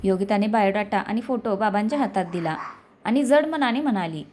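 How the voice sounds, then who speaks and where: A woman reading a family story aloud in a steady, even narration. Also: medium pitch, fairly quick, slight background noise.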